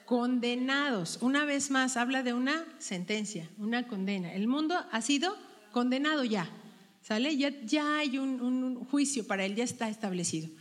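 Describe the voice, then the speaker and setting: With a slightly high, animated voice at normal speed, this woman guides a women's Bible study group, asking questions and confirming their replies. She tags her questions with "¿verdad?", and the room has a long hall reverb.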